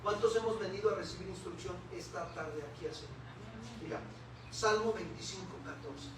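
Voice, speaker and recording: A man with a Mexican Spanish accent preaches a sermon as pastor in a high-pitched voice at normal speed, emphatic and packed with rhetorical questions for the congregation. The church hall recording is echoey, with a distant mic and audible room noise.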